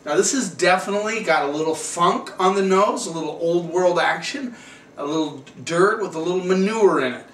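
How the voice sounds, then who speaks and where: Fairly quick and fairly bright, this middle-aged American man's voice sits high as he hosts a laid-back wine review. He rambles in asides while talking to camera in a small indoor room. A distant mic gives the sound a roomy quality with slight noise.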